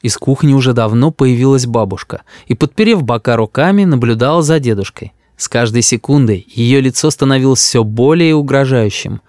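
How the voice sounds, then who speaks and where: A man's voice: mid-range voice, brisk, hardly any pauses, a little mellow, no room sound, studio quality. A man reading a humorous first-person story aloud as an audiobook narrator. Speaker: audiobook reader.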